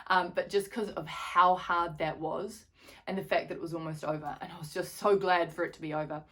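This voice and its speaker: A woman's voice: on the low side, fairly even intonation, a little fast, sharp tone. A woman in her thirties telling a story in a chatty, rambling vlog with many fillers and restarts. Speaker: fitness vlogger.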